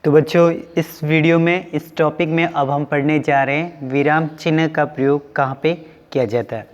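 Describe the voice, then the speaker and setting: A man teaching an online class to young pupils, going slowly and repeating each question with its answer. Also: fairly high pitch, fairly even intonation, in a large hall, dull audio. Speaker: school teacher.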